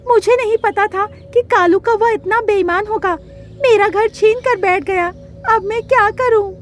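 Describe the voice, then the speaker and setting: A woman voicing a kind, gentle young female sparrow in a cartoon, with a high, pleading manner. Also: animated, normal speed, slight background noise. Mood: distressed.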